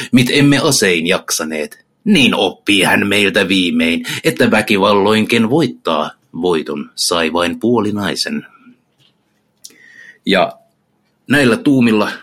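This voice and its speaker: A man's voice: deep voice, a bit bright. A man casually retelling an epic poem, enthusiastic and slangy with frequent filler sounds. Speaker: literature explainer.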